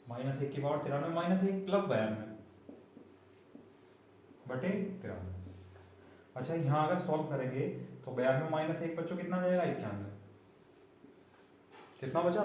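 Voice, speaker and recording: A man's voice: on the high side, darkish tone, slight background noise. A man teaching a maths lesson, explaining each step and often asking the class whether they understood. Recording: very echoey room.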